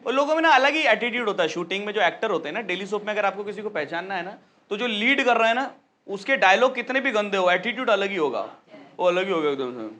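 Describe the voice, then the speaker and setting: High-voiced stand-up comic. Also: male voice, fast talker. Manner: animated storytelling, acts out characters. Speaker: stand-up comedian. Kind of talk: stand-up comedy set.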